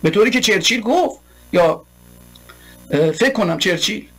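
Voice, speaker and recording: A man's voice: sits high, lively intonation, a bit bright, husky. A man giving an impassioned political monologue, heated and rhetorical, building long repeated lists. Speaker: political commentator.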